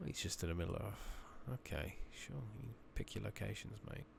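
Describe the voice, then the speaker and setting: An ASMR gaming streamer with a low, gravelly, soft-spoken voice whispers through gameplay commentary, expressive and a little fast. He's casual, swearing and muttering to himself, recorded on a makeshift rigged-up close mic at home that's noisy and clicks.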